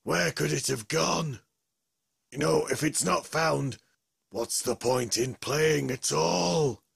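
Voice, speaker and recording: Host doing a slow, gravelly deadpan contestant. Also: medium pitch, dry recording, clean studio sound, voice pushed down, exaggerated voice. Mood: plaintive.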